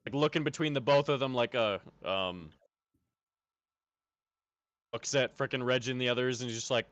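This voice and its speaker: A man's voice: mid-range voice, moderate pace, a bit bright, no echo. A man playing a tabletop game, casually narrating his character's actions. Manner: casual, chatty. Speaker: player.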